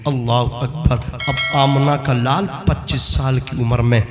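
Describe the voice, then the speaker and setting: A man preaching a sermon in a melodic, chanting delivery that climbs into shouts, calling out to his listeners for responses. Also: mid-range voice, steady tone. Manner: calls out to the audience for responses. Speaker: Islamic preacher.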